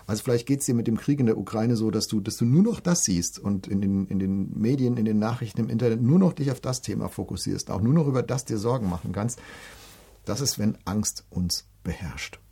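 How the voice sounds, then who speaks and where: Middle-aged male preacher, low mellow husky voice, earnest, direct to listener. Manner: earnest, addresses listener directly, reads scripture slowly. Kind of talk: devotional talk, sermon.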